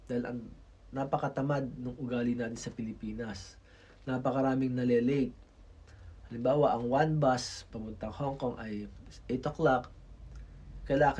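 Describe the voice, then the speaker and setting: A man's voice: medium pitch, mellow, slightly rough, dull audio. A man from the Philippines giving blunt, lecturing travel advice in a casual vlog. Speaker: Filipino worker in Macau giving travel advice.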